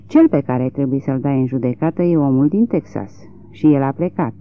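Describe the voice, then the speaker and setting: Un bărbat care dă glas unui judecător bătrân și fragil, neliniștit și ezitant. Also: male voice, mid-range voice, close to an everyday voice. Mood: weary. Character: old, frail, troubled country judge. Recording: tinny lo-fi narrow-band recording.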